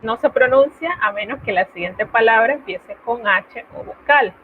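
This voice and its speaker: A French teacher with a Latin American Spanish accent runs an online lesson, patiently explaining in Spanish and checking on her students at a moderate pace. Her voice leans high, and the video-call line is tinny with a faint noise.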